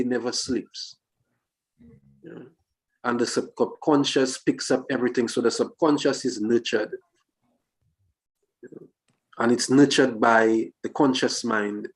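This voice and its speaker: A man reasoning philosophically in a discussion, speaking deliberately phrase by phrase and posing questions. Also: medium pitch, low-quality recording.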